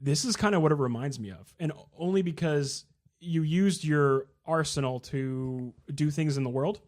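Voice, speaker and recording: A man co-hosting a gaming podcast, chatting casually and rambling, acting out game characters in quick asides. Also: a little high, a little mellow. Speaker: podcast co-host. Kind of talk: casual chat.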